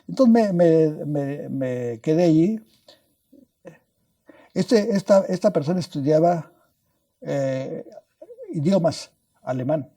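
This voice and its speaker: Speaking slowly and pausing often, an older scientist with a Mexican Spanish accent shares stories as a podcast interview guest. His slightly high voice is deeply mellow and dark, with lively intonation, and he rambles, restarts words, repeats himself, and adds little tag questions.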